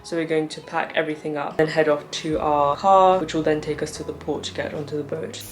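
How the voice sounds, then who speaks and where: Young woman, travel vlogger, even flat delivery, heard from a distance, music loud behind. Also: low-pitched, brisk. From Portugal. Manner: chatty, enthusiastic room-tour commentary. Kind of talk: casual vlog narration. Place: hotel room and car.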